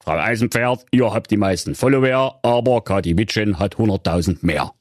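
Male narrator as a deadpan talking tablet that answers like a mirror. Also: fairly low pitch, normal speed, no room sound, clean studio sound, lightly acted. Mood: flat. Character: talking tablet app playing the magic mirror.

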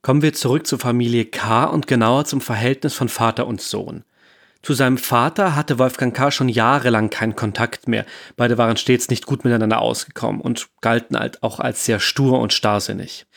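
Guy on a crime podcast, middle pitch, reads his script pretty matter-of-fact. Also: fairly even intonation, moderate pace, gravelly, a bit bright. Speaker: podcast co-host.

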